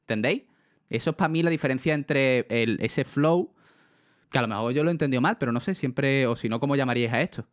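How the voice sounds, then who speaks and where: A man's voice: medium pitch, fast, no echo, clean studio sound. A young man with a Spanish accent chatting casually on a livestream, rambling with lots of fillers and talking straight to his chat. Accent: Spain. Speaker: streamer.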